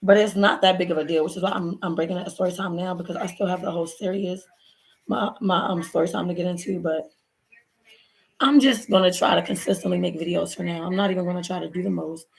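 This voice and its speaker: Doing her nails at home, a hoarse woman from Baltimore, USA rambles through a story time for her vlog viewers, addressing them as y'all. Her voice is on the low side, steady, quick and full of vocal fry, captured poorly by a laptop's built-in mic.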